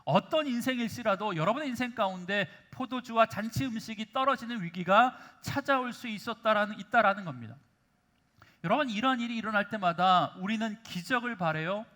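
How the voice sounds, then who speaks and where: Male pastor, sermon, bright forceful voice, rhetorical questions to the congregation. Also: high voice, brisk. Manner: keeps calling out to the congregation, asks rhetorical questions. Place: church sanctuary.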